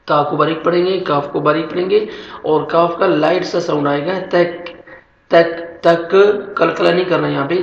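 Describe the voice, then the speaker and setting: A male teacher giving a step-by-step pronunciation lesson, slowly chanting each example and then explaining quickly. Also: fairly high pitch, fairly bright tone, reverberant, muffled recording. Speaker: recitation teacher.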